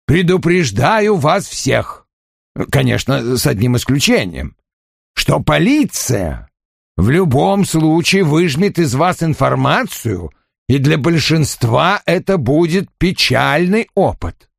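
A man voicing a stern, commanding male detective who speaks in a dry, measured way. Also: on the high side, big pitch swings, vocal fry, dry recording, voice pushed up, heavily acted. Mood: imperious.

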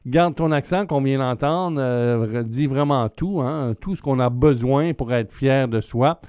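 A man hosting a radio show, presenting an album in an unhurried way with many filler pauses. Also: mid-range voice, darkish tone, clean tone, no room sound, clean studio sound. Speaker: radio host.

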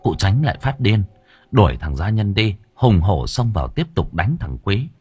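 A man narrating an audiobook story in a dramatic, expressive way. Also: lowish voice, normal speed, breathy edge, soft background music.

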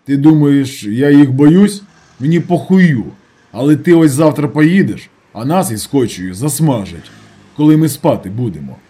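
A man reading an audiobook and voicing a blunt, irritable garage worker who speaks loudly. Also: medium pitch, animated, moderate pace, slightly rough. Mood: irritated. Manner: blunt, irritable, raises his voice. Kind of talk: audiobook character voice.

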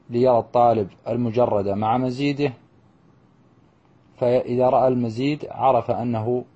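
Guy teaching a grammar class, kinda husky, asks questions then answers them, dull old recording. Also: medium pitch, mellow. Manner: slow, deliberate drilling of verb patterns. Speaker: teacher of Arabic morphology. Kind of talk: classroom lesson.

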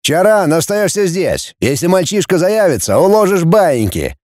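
A bossy male killer leading his crew, as a narrator puts him on, barking short orders in a raised, dark voice. The sound is close and dry. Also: sits high, very animated, moderate pace, no room sound, pitched above the performer's own voice. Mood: commanding. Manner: barking commands. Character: bossy male gang leader, curt.

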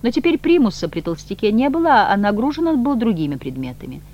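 A reader narrating an audiobook with expressive literary delivery. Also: medium pitch, fast talker, muffled recording.

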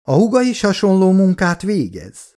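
A man's voice: high voice, huge pitch swings, a little mellow, voice pushed up. A man voicing a nervous, awkward middle-aged male chemical engineer and father in an audiobook, with eager, fretful questions. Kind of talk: audiobook character voice.

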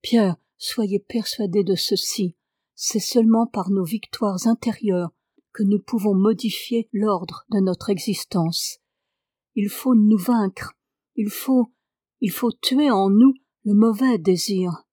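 Gentle, grave clairvoyant lord, read by a woman. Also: medium pitch, slow, no echo, studio quality. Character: calm, sorrowful clairvoyant English lord, adult man.

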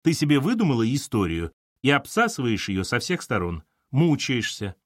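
A gruff, blunt middle-aged man who coaxes and needles, as a male narrator puts him on. His delivery swings with lively pitch, recorded close and dry. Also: normal speed, dry recording. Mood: pleading. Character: blunt older male colleague, gruff and pushy.

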